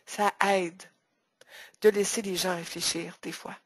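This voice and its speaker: Husky Québécois woman coaching salespeople. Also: on the low side, fairly even intonation, measured pace, no echo. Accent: Québécois French. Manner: emphatic, repeats words for stress. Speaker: sales trainer hosting a webinar. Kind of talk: webinar presentation.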